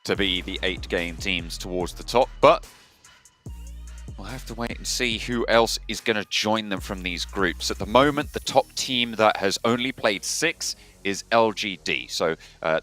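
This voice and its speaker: Male caster, lowish voice with a bright edge, steady stat-heavy commentary. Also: normal speed, soft background music. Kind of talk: esports commentary.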